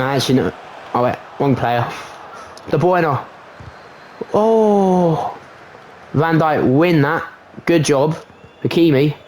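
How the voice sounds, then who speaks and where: A young man casually commentating his own football video game match, chatty and self-mocking, getting excited at goals. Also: a little high, slight background noise. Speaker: gaming channel host.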